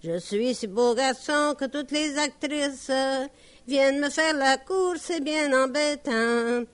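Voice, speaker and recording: A woman delivering a comic sung monologue and a folk song in a slow, clearly enunciated storytelling manner. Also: high voice.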